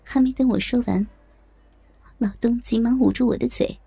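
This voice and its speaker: A woman reads a first-person audiobook story with a somewhat high but dark, mellow voice. There is a gravelly, husky grain to her tone, and she tells it in a lively way, voicing the dialogue herself. The recording is dry and close. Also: normal speed, no echo.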